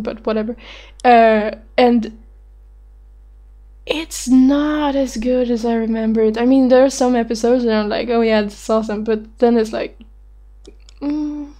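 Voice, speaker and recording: Young woman in her twenties, slightly high voice, unhurried, rambling casual webcam vlog. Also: warm tone. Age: 20s. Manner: rambling, giggly, self-deprecating, swears casually. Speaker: vlogger answering viewer questions. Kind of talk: casual chat.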